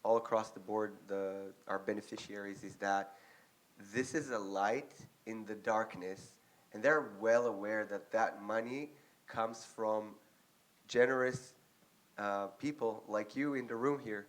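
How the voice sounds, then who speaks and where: With a lowish, steady voice, a young Israeli man gives an earnest talk to an audience as an agency's representative. He speaks with an Israeli accent, pausing frequently and filling gaps with um.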